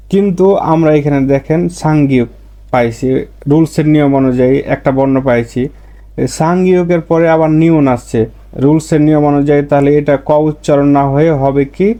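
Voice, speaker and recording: Male tutor, mellow tone, higher register, steady repetitive lesson delivery. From Bangladesh. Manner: slow, repetitive, stresses example words. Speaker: Korean language teacher. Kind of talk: explaining pronunciation rules.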